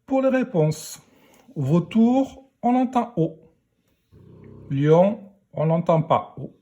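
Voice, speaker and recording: A man teaching young children to read, sounding out syllables slowly and deliberately. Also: high voice, expressive, a little mellow, muffled recording. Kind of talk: reading lesson for young children.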